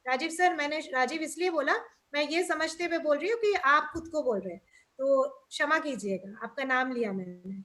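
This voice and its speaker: A woman's voice: high-pitched, normal speed, a bit bright. A woman trainer giving an enthusiastic, upbeat webinar talk over a video call.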